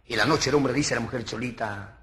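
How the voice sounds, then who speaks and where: A man's voice: fairly quick, a bit bright, echoey room. A man, telling bawdy jokes in a live comedy set and putting on voices for the characters. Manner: bawdy storyteller who puts on high voices for characters. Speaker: stand-up comedian.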